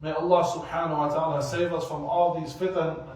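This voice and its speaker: A man in his forties giving an animated sermon-style lecture in a mosque, full of rhetorical questions. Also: fairly high pitch, a little fast. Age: 40s. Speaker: mosque teacher giving a weekly study circle. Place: mosque prayer hall. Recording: very echoey hall, voice from far off.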